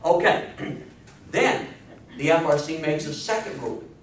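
Captured by a far-off camera mic in a small meeting room, this very reverberant, faintly noisy clip has a man in his sixties lecturing on history to a seated audience. His voice is a bit high for a man and a little slow. Emphatic and folksy, he keeps the audience engaged with questions.

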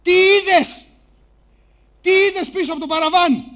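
A man voicing a loud male TV game show presenter who announces each line with dramatic weight. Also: very high voice. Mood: dramatic announcing.

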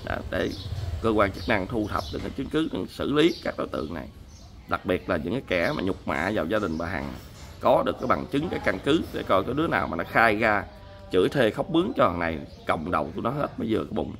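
A man's voice: low-pitched, very animated, fast talker, gravelly, fairly bright tone. A man giving heated, indignant commentary to his viewers, scolding emphatically and repeating himself. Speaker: online commentator.

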